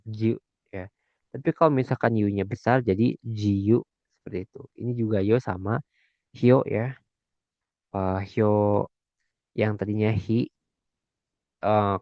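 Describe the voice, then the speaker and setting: A man's voice: lowish voice, darkish tone, no room sound, muffled recording. A young man teaching a language lesson in a chatty way, often checking that listeners follow. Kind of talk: casual explanatory lesson.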